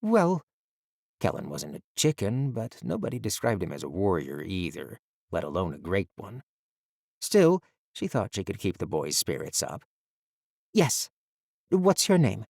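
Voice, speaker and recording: A man reading a fantasy audiobook as narrator, in a measured, even storytelling delivery. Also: low-pitched, creaky, no echo, studio quality.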